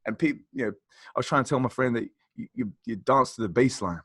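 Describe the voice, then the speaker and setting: A man's voice: medium pitch, very animated, brisk, gravelly, fairly bright tone, husky, dry recording. A man, co-hosting a podcast and chatting about music in an enthusiastic, rambling way. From South Croydon, London, England. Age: 40s. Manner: enthusiastic, rambling, peppered with "you know". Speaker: podcast co-host. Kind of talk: casual chat about music.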